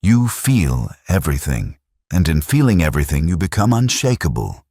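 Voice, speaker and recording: A man's voice: rumbling low, big pitch swings, moderate pace, warm tone, husky, dry recording, clean studio sound. A man giving scripted narration in a solemn, meditative delivery.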